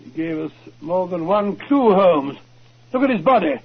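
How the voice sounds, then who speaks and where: Old muffled radio play, a proper english doctor, earnest, pretty high voice. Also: male voice, animated, moderate pace, husky. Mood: inquisitive, eager. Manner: earnest, precise storyteller. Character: earnest, gentlemanly English doctor recounting detective cases. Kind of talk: 1940s radio drama acting. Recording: muffled 1940s radio broadcast recording.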